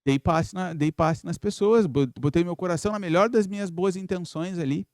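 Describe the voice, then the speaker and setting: A man's voice: sits high, moderate pace, a little mellow, no room sound, studio quality. Earnest man lecturing. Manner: earnest, reflective, uses rhetorical questions. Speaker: spiritist lecturer. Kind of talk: spiritist lecture. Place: spiritist center lecture hall.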